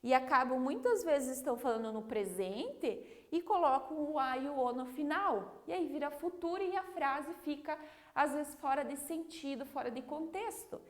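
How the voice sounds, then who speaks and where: A woman's voice: high voice, animated. A Brazilian woman teaching a primary school class, explaining patiently and checking in with the children often. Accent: Brazilian Portuguese. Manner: slow, patient, clear word-by-word explanation; checks understanding with frequent "ok?".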